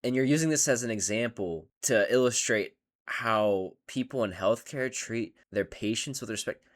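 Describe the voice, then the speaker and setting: A man hosting a casual reaction video, ranting in an animated and sarcastic way. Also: medium pitch, moderate pace.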